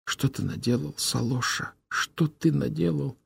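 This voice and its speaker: A man's voice: unhurried, creaky, slightly rough, dry recording, full character voice. A man voicing a grieving young woman who cries out in defiance and fury, in an audiobook reading. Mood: anguished. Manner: shrill, sobbing outcries. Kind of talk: audiobook character voice.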